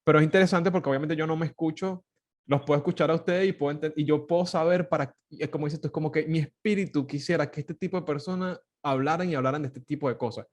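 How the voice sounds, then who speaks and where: A man from Venezuela with a Caracas Venezuelan Spanish accent, hosting a podcast in casual conversation, animated and laughing often, with many fillers and restarts. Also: fairly high pitch, quick pace. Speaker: podcast host.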